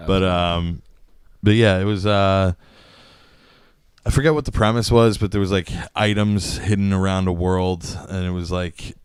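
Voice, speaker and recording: A man's voice: low-pitched, fairly even intonation, a little slow, clean tone, no echo, clean studio sound. A man hosting a casual podcast, rambling and laughing at himself. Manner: rambling, self-deprecating, laughs a lot. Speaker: podcast host.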